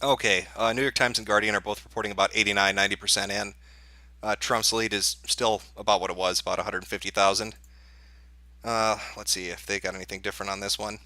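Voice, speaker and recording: Brief: male livestream host, lowish bright voice, dry sound, sarcastic. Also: flat delivery, fast, dry recording. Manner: profane, sarcastic. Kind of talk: casual live commentary.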